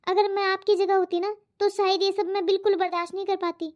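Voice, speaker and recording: A woman's voice: very high voice, flat delivery, fast talker, a little mellow. A woman voicing an outspoken, spirited young unmarried daughter in a cartoon, arguing and protesting. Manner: protesting, argumentative. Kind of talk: cartoon voice acting. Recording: dull lo-fi audio.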